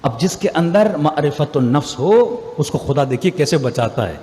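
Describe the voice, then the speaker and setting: A man's voice: a little high, lively intonation, mellow. A male preacher giving a sermon, telling stories and driving points home with emphatic, rhetorical questions. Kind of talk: religious sermon with storytelling. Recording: reverberant hall.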